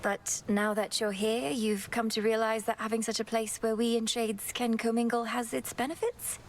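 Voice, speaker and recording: An actress voicing a young witch princess in a video game, polite and earnest with a gently teasing edge. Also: a little high, flat delivery, moderate pace, lightly acted.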